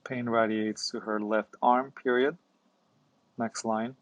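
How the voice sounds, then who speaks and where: A man's voice: medium pitch, flat delivery, slow, no echo. A man, a doctor, doing medical dictation in clipped phrases, speaking punctuation and commands aloud. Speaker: doctor and founder demonstrating dictation.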